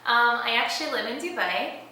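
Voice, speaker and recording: A young woman from Detroit chats earnestly through viewer questions, leaning on fillers as she thinks aloud. Her voice is bright and carries, but she sits some distance from the mic. A strong echo fills the room around her. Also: on the high side, expressive, fairly quick, slight background noise. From Detroit, Michigan, United States. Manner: earnest, conversational with frequent fillers. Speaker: founder of a hijab fashion brand, answering viewer questions. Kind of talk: casual chat, Q&A.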